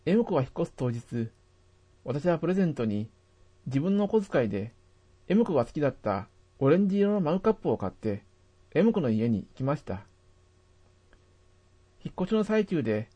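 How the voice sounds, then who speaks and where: A man narrating a first-person memory as a steady, measured scripted reading. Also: on the high side, slightly rough.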